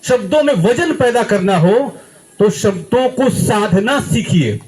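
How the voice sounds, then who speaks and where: A man's voice: sits high, expressive, slow pace, darkish tone, rough recording. A young man giving a motivational address to schoolchildren, emphatic and quizzing the audience, acting out examples as he goes. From India. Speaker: guest speaker at a school.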